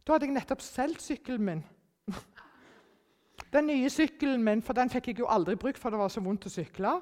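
A middle-aged woman with a slightly high voice gives a personal testimony to an audience, telling it in a lively way. She acts out her own thoughts and sometimes drops almost to a whisper, with long hall reverb on the recording.

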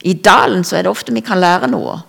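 A woman delivers a sermon woven with her own testimony. Her voice sits low and carries a gravelly rasp. She preaches fervently, swelling to loud emphasis and then falling to near-whispers.

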